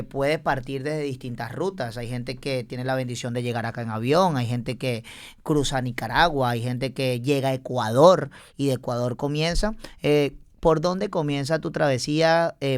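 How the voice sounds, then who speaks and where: A man's voice: mid-range voice, normal speed, dry recording. A man from Venezuela hosting a podcast interview, asking probing follow-up questions. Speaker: podcast host.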